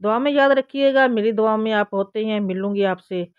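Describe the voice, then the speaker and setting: A woman's voice: fairly high pitch, normal speed, clean tone, no echo, narrow, tinny audio. A woman with a Pakistani Urdu accent hosting a religious channel, explaining a devotional routine step by step and speaking straight to her viewers. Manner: addresses viewers directly, repeats instructions step by step. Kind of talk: instructional religious talk.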